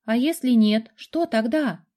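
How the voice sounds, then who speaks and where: A woman voicing a lively, spirited young princess in an audiobook. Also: on the high side, unhurried, voice pushed up, natural voice. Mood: playful. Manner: lively, playful, exasperated. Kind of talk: audiobook character voice.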